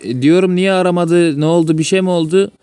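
A man talks quickly over a distant, thin phone line, his words tumbling out in an agitated retelling. His voice is smooth and slightly high for a man, and it sounds dry and far from the mic. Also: fairly even intonation, warm tone, no echo. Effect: heard over a phone line. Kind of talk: casual phone conversation.

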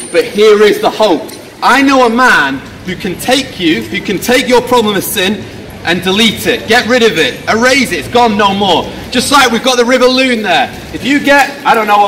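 Man, middle-aged, street preacher, loud questioning delivery, high voice, street noise. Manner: loud, questioning the crowd, gesturing widely. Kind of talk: open-air street sermon. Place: rainy pedestrian shopping street outdoors. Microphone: camera a few metres away, no visible mic. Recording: distant outdoor street recording with noise.

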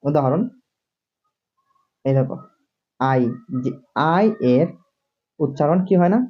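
A man's voice: fairly high pitch, slow pace. Male tutor, lo-fi home lesson, repeats each word, keeps checking "see?". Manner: repetitive, drills words over and over; keeps asking "see?" to the viewer. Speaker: English teacher. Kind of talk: classroom-style video lesson. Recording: dull lo-fi recording.

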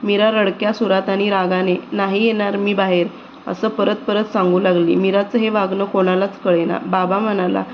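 Woman storyteller, flat even delivery, dull lo-fi sound with faint hiss. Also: mid-range voice, normal speed, hardly any pauses. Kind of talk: scripted story narration. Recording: dull lo-fi recording with faint noise.

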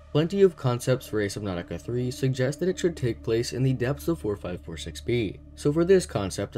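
A young man reading a scripted gaming video essay in a steady, explanatory way. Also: mid-range voice. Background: faint background music.

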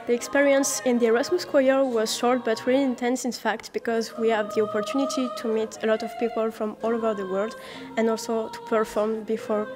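A woman's voice: on the high side, little pitch movement, fairly quick. A young woman from France speaking enthusiastically to camera. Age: young adult. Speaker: choir singer.

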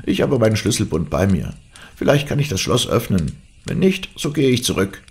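A man's voice: medium pitch, big pitch swings, fairly quick, pitched above the performer's own voice. A man reading an audiobook aloud, voicing a stern older housekeeper who scolds sharply. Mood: indignant.

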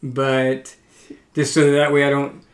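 A man runs a casual live stream, pausing often and filling gaps with ums while he works through the sale. He speaks slowly, at an ordinary middle pitch. His tone stays easygoing and unpolished. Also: monotone. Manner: slow and hesitant, many ums and restarts. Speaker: live stream host selling coins.

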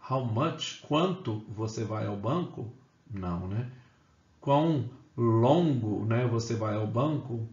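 A man's voice: medium pitch, expressive, slow, a little mellow. A man teaching an English grammar lesson to Portuguese speakers, explaining step by step and checking in with "né?" and "ok?". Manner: explains step by step, often adds "né?" and "ok?". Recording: echoey room, slightly dull sound.

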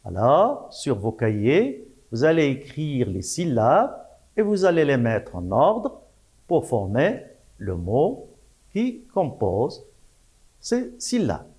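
A man teaching a French lesson to young primary pupils, repeating words and spelling out syllables slowly while praising the class. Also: medium pitch, wildly swooping pitch, darkish tone. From Morocco. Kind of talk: slow, patient French lesson for young children.

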